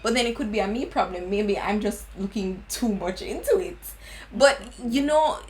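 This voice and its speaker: A woman's voice: mid-range voice, animated, moderate pace, a little mellow, poor audio. Jamaican woman in her twenties chatting. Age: 20s. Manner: earnest, laughing, slips into patois. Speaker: beauty vlogger. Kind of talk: casual chat.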